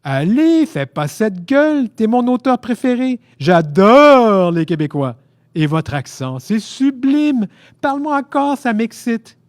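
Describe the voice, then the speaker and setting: A man putting on a shrill, gushing Parisian charmer. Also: animated, moderate pace, warm tone. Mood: gushing flirt.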